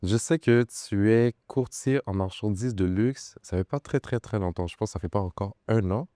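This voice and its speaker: A man's voice: fairly low pitch, moderate pace, warm tone. A man with a Québécois accent hosting a podcast interview, asking loosely phrased, easygoing questions. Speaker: podcast host.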